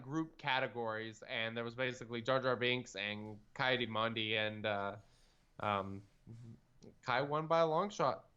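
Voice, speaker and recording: Laid-back man with a smooth, muffled voice. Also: medium pitch, bright, forceful tone. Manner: rambling, lots of fillers and trailing off. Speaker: podcast co-host. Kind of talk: casual chat.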